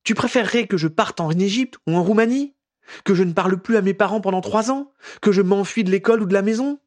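A man's voice: high-pitched, quick pace, a little mellow, pitched above the performer's own voice, natural voice. A man voicing a fiery, defiant young witch in a raised, passionate, insistent voice.

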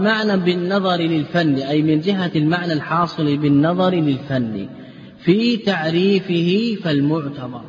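A man with a fairly high voice gives a classroom lecture in a reverberant hall. He keeps asking his students questions and then answers them himself, and he repeats word forms as drills. The recording sounds dull and muffled, with a faint hiss underneath. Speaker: Islamic scholar teaching a class. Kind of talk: classroom lecture on legal theory and grammar.

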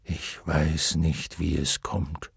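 A man voicing a huge, wise and gentle male luck dragon in an audiobook, murmuring slowly and solemnly. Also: fairly even intonation, vocal fry, husky, dry recording, clean studio sound, heavily acted. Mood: wondering. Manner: deep hushed murmur, slow and solemn. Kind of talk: audiobook character voice.

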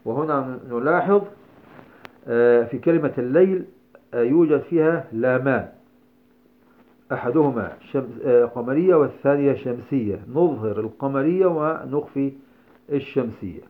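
A man's voice: medium pitch, moderate pace. A man giving a tajweed lesson, explaining the rules step by step with frequent "aah" fillers. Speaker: Quran recitation teacher. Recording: tinny phone-like lo-fi audio.

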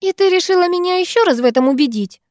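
A woman reading an audiobook aloud, voicing an angry, heartbroken older sister who shouts sarcastic accusations. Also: high-pitched, moderate pace, dry recording, studio quality, lightly acted. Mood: accusing.

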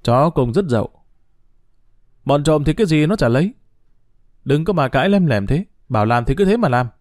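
A man voicing a brash young daughter-in-law in an audio story, sneering in quick, sharp bursts. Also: on the high side, expressive, no room sound, clean studio sound, natural voice. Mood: bossy.

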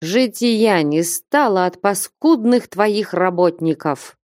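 Woman doing a hoarse, whining drunkard. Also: medium pitch, expressive, slow, darkish tone, no room sound, clean studio sound. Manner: whining, complaining. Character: drunken disheveled middle-aged man, self-pitying.

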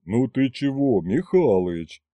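A man voicing a gruff old grandfather Winter spirit with a deep bass voice, grumbling and weary. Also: big pitch swings, unhurried, warm tone, no room sound.

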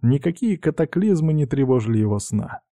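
Male audiobook narrator; wry, measured, dark timbre. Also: mid-range voice, big pitch swings, no echo, clean studio sound. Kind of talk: audiobook reading.

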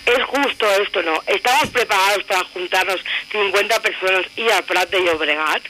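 A woman's voice: mid-range voice, normal speed, sharp tone, low-quality recording. A woman in her thirties speaking intensely on a radio show, asking many rhetorical questions. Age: 30s. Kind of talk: personal radio talk.

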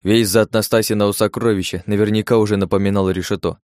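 A man reading a first-person story as an audiobook narrator, in a steady, measured way. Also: on the low side, no echo, clean studio sound.

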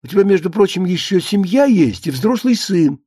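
A man's voice: high voice, sing-song, moderate pace, warm tone, slightly rough, no echo, studio quality, pitched above the performer's own voice, heavily acted. A man reading an audiobook and voicing a nagging middle-aged wife who scolds her husband insistently. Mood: scolding. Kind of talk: audiobook character voice.

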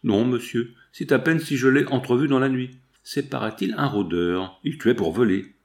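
Guy reading a weak young seamstress, respectful, gravelly. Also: mid-range voice, moderate pace, natural voice. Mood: weary. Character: young woman seamstress, pale and weakened.

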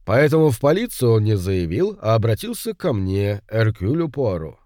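A man voicing a shrewd older male detective who speaks calmly and with quiet irony in an audiobook. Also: lowish voice, no echo, clean studio sound. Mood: storytelling. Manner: calm, measured, quietly ironic. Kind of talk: audiobook reading.

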